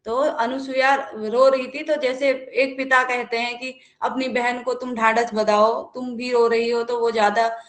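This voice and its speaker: A woman teaching a live online class, reading verses slowly and then explaining them in a conversational way, greeting students as they join. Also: fairly high pitch, flat delivery, a bit bright, reverberant. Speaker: Sanskrit teacher.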